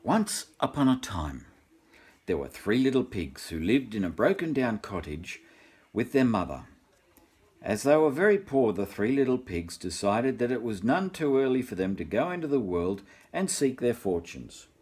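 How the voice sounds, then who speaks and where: An older man, grandfatherly in manner, reads a picture book aloud to young children. His husky, medium-pitched voice moves at a moderate pace and swings widely in pitch, and he breaks off now and then to speak expressive asides directly to the little ones.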